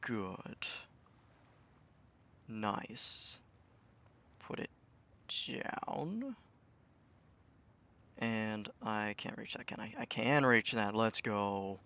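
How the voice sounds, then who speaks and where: Rambling young male streamer, low voice. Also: animated, very slow, pauses often, bright, forceful tone, clear, resonant tone. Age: young adult. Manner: rambling, self-talking, stammering restarts, swears. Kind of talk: casual live-stream commentary.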